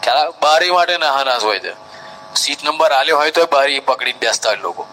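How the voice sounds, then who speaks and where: A man's voice: on the high side, expressive, fast talker, pushed and bright, slight background noise, rough recording. A man with a Gujarati accent giving a live training talk as a Hajj trainer, explaining things step by step. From India. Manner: instructive, step-by-step, mimics crowds.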